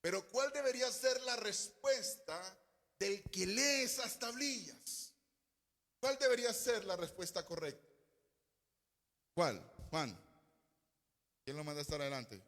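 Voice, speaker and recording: Pastor with a high, bright voice. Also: male voice, lively intonation, measured pace, pauses often, big-room sound. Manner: reads scripture aloud with strong exclamations, asks the congregation questions. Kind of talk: sermon. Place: church hall.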